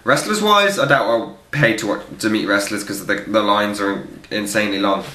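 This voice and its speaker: A young man, a film reviewer, answering viewer questions in a casual vlog, blunt, joking and quick to swear. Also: lowish voice, sharp tone. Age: young adult. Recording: echoey room.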